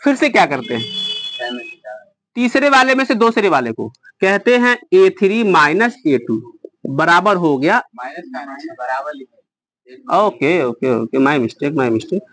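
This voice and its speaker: A man leads a math class, walking through each step and stopping to quiz his students. His voice sits high. The sound is dry and close, with no room echo. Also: big pitch swings, slow, pauses often, a bit bright. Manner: explains step by step, quizzes students. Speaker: math teacher. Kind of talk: classroom lesson.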